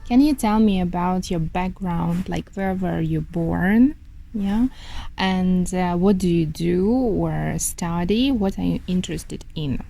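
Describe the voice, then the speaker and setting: A woman's voice: fairly low pitch, takes it slowly, gravelly, mellow. A woman hosting a podcast, asking interview questions in a casual way and prompting the guest with "you know".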